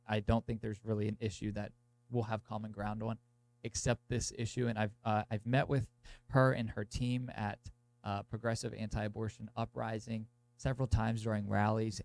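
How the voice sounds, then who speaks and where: Stuffed up with a cold, his nose blocked and throat sore, a young podcast host chats casually to listeners as he opens an episode. His mid-range voice has a darkish tone, and his informal talk wanders, sprinkled with "like."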